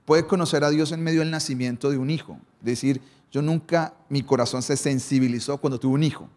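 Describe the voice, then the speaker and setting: A man's voice: mid-range voice, steady tone, brisk, darkish tone. A man, preaching a morning sermon as a pastor, asking rhetorical questions and shifting his pace and emphasis.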